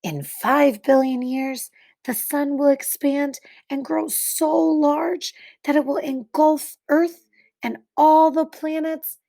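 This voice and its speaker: A woman reads a children's picture book aloud like a teacher, phrasing things deliberately and expressively with dramatic pauses. Her voice is high-pitched with vocal fry.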